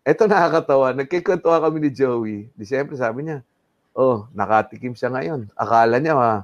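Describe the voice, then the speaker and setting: As an interview guest, a middle-aged man tells a story animatedly, switching between Tagalog and English and acting out what people said. His mid-range voice is at normal speed, with no echo but a muffled recording.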